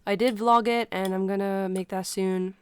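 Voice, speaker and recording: A woman sick with a stuffy nose chats casually to her livestream, speaking haltingly and pausing to breathe through her mouth. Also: medium pitch, steady tone, clean tone. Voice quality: congested, stuffy-nosed. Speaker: livestreamer talking to viewers. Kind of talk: casual unscripted chat.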